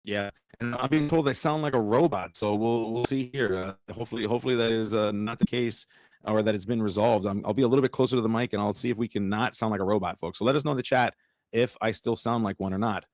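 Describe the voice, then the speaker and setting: A man doing lively live commentary on a card game match, chatty and quick to laugh. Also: lowish voice, dry recording. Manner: excitable, chatty, laughs often. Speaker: caster.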